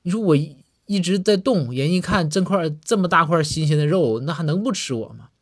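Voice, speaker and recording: A man's voice: fairly high pitch, fairly quick, husky, pitched above the performer's own voice. A man doing a jumpy naive young constable. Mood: eager, naive. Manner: anxious, naive and excitable. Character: eager timid young male constable Zhao Hu.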